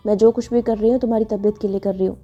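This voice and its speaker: A woman's voice: medium pitch, steady tone, racing, natural voice. A woman storyteller voicing a bossy, protective wife who gives firm, clipped orders. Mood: insistent. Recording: dull lo-fi with faint music.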